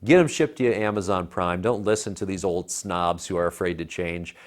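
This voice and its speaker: Speaking at a fairly quick pace in a deep voice, this man in his thirties is an American tech reviewer who co-hosts a show. He's in his living room wearing a lapel mic, pitching his views in casual, punchy, persuasive everyday language.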